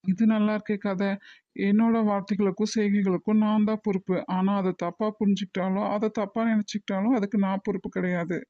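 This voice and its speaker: A performer playing a calm, firm husband in a cartoon, with a Kongu Tamil accent, who talks in a measured, lecturing and reassuring way. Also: mid-range voice, dry recording, lightly acted. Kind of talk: cartoon voice acting. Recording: dull dry lo-fi recording.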